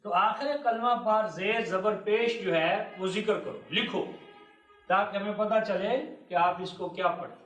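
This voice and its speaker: A man teaching a classroom lesson, speaking slowly and repeating each word for his students, recorded in a 1990s classroom. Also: high voice, fairly bright tone, faint music behind. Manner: slow, repeats words for students. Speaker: Arabic teacher. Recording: echoey 1990s room recording from far off.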